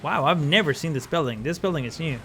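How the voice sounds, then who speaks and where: A man's voice: fairly high pitch, lively intonation, fast talker, a bit bright. A man giving casual gameplay commentary as the host of his channel, rambling with many fillers and self-corrections.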